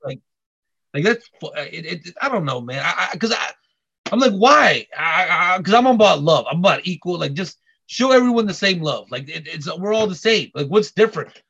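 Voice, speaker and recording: A man chatting casually on a podcast, halting with many restarts and repeated words. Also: high-pitched, animated, fairly bright tone, husky. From Korean heritage. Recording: dull lo-fi audio.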